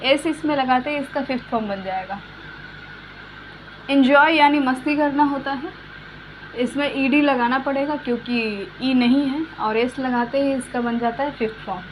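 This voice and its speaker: A woman teaching a spoken English lesson, explaining verb forms slowly with many repeated examples and coughing now and then. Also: sits high. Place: home room with fan switched off. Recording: dull lo-fi recording with faint hum.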